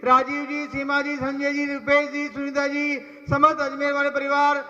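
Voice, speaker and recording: A man's voice: extremely high pitch, monotone, moderate pace, sharp tone. A man announcing at a temple ritual, rattling off a long list of donor names and blessings. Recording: echoey temple hall, dull lo-fi sound.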